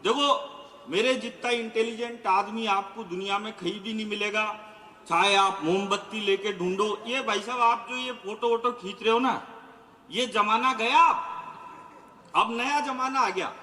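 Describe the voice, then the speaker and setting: High, bright-voiced comedian on stage. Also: male voice, steady tone, a little slow. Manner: boastful, teasing the audience, jokey storytelling. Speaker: stand-up comedian. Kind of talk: live stand-up comedy. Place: outdoor stage by a lake at night. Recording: echoey outdoor PA sound with long reverb.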